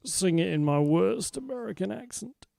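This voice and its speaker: A man hosting a casual online music chat, talking softly and haltingly with many ums and restarts, over a home video call. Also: sits high, expressive, gravelly, dry recording. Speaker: host and singer-songwriter. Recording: loud guitar music behind.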